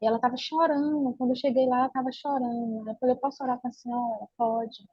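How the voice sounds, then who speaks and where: Husky Brazilian woman telling a testimony. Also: on the high side, quick pace, no room sound. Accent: Brazilian Portuguese. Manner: lively storyteller acting out dialogue. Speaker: church member giving testimony. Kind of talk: personal testimony told to a pastor. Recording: dull lo-fi dry recording.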